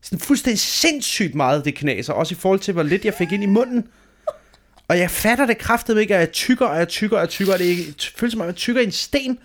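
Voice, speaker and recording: A man's voice: sits high, lively intonation. A man in his thirties telling a dramatic, self-mocking story in a casual chat, swearing freely.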